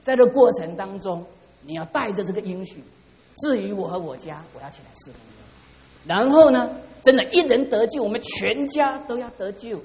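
In a reverberant church hall, a middle-aged man delivers a sermon as pastor, fervent and urging the congregation to answer back. His voice sits high, with slight background noise in the recording.

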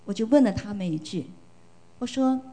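A woman's voice: medium pitch, animated, normal speed, mellow. A middle-aged woman from China giving an earnest, emotional church testimony, often repeating phrases for emphasis.

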